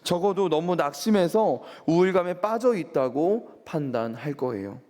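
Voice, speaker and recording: A man's voice: a little high, animated, moderate pace, darkish tone. A man preaching a sermon as pastor, asking his congregation questions and rising for emphasis. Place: church sanctuary. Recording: long church hall reverb.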